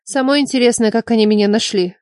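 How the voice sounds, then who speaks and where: A man's voice: extremely high pitch, fast, a little mellow, clean tone, dry recording, studio quality, voice pushed up. A man voicing a sarcastic young woman teacher. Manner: sarcastic, cool and curt. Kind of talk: audiobook character voice.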